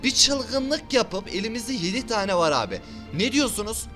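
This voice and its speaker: A young man hosts a let's-play with playful, excitable commentary, often barking at his units. His voice sits high and swings widely in pitch, with a bright, forward tone. Faint music plays under him. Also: normal speed. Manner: playful, shouts at his units, frequent laughter. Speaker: gaming video host.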